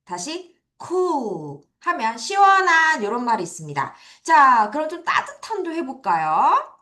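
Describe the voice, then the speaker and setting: A woman English teacher leading a children's vocabulary lesson, drilling her students with slow, sing-song call-and-repeat questions. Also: high voice, sing-song, sharp tone.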